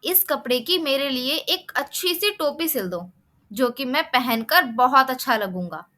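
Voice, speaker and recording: A woman's voice: high voice, lively intonation, measured pace, pushed and bright, full character voice. A woman doing a cheeky bossy mouse. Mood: boastful. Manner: demanding, threatening chant. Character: cheeky boastful male mouse.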